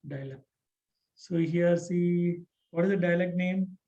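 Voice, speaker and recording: A man teaching a live online programming class, halting and spelling out terms letter by letter. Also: high voice, steady tone, warm tone, lo-fi sound. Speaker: programming instructor.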